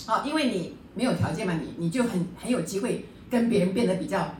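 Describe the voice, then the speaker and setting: A woman's voice: medium pitch, lively intonation, fast, darkish tone, recorded from a distance, a little hiss or hum. A woman teacher leading a book study class, lecturing in a chatty way and often checking in with the class through rhetorical questions. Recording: echoey room, voice a bit off-mic.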